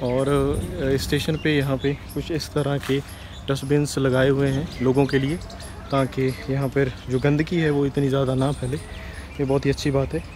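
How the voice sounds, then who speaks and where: A man's voice: medium pitch, moderate pace, music in the background. A young man, a travel vlogger, casually narrating a tour as he shows places around a railway station and a temple. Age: young adult. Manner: relaxed, explains as he shows places. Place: outdoor railway station platform. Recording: outdoor ambience noise, passing vehicles.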